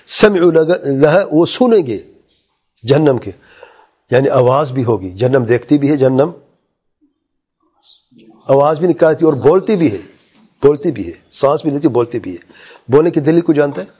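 Male religious teacher with a husky voice giving a Quran exegesis lesson; lifts into chanted recitation, then explains plainly. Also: mid-range voice, lively intonation, long pauses, a little mellow. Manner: asks the listeners rhetorical questions.

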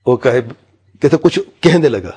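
A man preaching in a storytelling way, retelling anecdotes through quoted dialogue and sometimes dropping into low, quiet asides. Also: lively intonation, breathy edge. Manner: mixes English medical terms into his speech. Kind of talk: sermon storytelling.

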